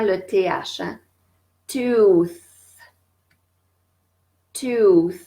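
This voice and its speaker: A woman with a Québécois French accent teaching a live beginners' English lesson from home, patiently repeating each English word several times for learners to copy. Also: mid-range voice. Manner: patient, step-by-step explaining with frequent fillers. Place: at home during lockdown.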